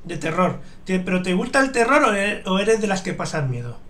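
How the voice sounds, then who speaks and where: High-voiced talkative male stream host. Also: very animated, brisk, a bit bright. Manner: rambling, storytelling, reads out viewer questions. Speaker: show host. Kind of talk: casual interview chat. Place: home streaming room. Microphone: headset.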